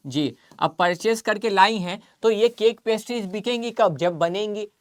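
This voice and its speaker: A man's voice: high-pitched, moderate pace, no echo, clean studio sound. A male commerce teacher giving a casual lecture, mixing in English terms and answering the questions he puts in his students' mouths. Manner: mixes Hindi with English terms, repetitive and coaxing. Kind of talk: classroom lecture.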